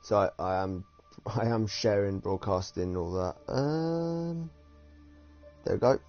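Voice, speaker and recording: A man's voice: lowish voice, takes it slowly, darkish tone, faint music behind. A man from the UK giving rambling, giggly casual commentary while streaming a game. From United Kingdom. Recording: dull lo-fi streaming audio.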